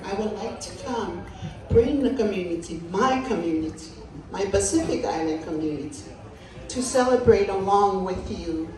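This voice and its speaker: Her mid-range, darkish voice carries slow, emphatic, heartfelt words as a community leader gives a public tribute. A native Samoan speaker, she's captured at a distance in a large hall full of echo.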